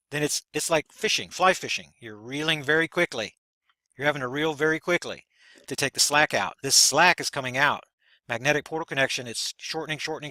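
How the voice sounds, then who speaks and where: Talking through a chart, a male video host rambles loosely in a casual explanatory monologue, often repeating words as he points things out. His voice is medium-pitched, bright, and forceful, and the recording is dry.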